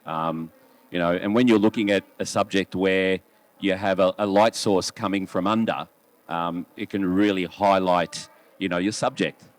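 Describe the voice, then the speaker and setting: A Melbourne man in his late forties, a wedding photographer and competition judge, critiques photos casually at a trade show booth, chatty and tossing rhetorical questions to his colleagues. His voice is low with fairly even intonation and a normal speed, and there's no room sound.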